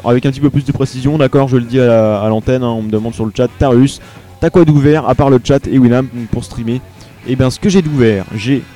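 A man's voice: medium pitch, warm tone. A young man from France hosting a live web radio show in casual chat, hesitant and full of fillers and restarts.

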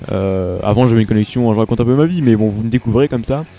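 A man's voice: on the low side, fast, dark tone. A young man from France hosting a live web radio show in casual chat, hesitant and full of fillers and restarts.

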